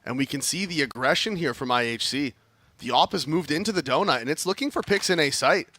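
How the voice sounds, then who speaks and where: A man's voice: on the high side, expressive, fairly quick, pushed and bright, no echo. A man casting esports live, explaining tactics and building suspense around each play. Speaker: esports caster.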